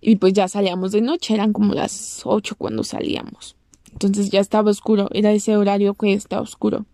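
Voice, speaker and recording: A woman's voice: flat delivery, a little fast, dark tone, no echo. A young woman with a Mexican accent telling a personal story to the camera, chatty and acting out what people said. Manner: chatty, acts out quoted lines in a squeaky voice. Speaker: vlogger.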